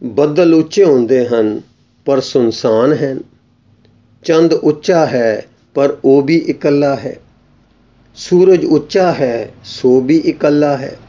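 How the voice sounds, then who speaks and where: Slow, mellow male story reader. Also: fairly high pitch, lo-fi sound. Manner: slow, measured, expressive. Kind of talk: literary story reading.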